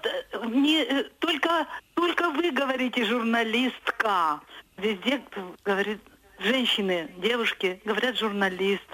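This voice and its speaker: A woman phones in to a radio program and asks her question haltingly, with many pauses. Her voice is fairly high. She is heard over a telephone line. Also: a bit bright. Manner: hesitant, halting. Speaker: caller.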